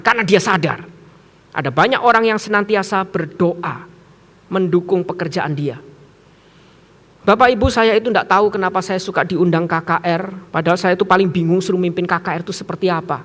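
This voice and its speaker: Animated high-voiced male preacher. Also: in a large hall. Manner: animated, shouts for emphasis, acts out dialogue. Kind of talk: sermon with storytelling. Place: church sanctuary.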